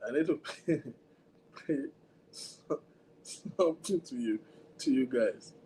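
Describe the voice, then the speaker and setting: In a rough recording with slight background noise, a Nigerian-accented man speaks slowly but animatedly at medium pitch, his voice mellow. As host of a casual livestream he rambles and code-switches, chatting straight to his audience about what he calls his big voice.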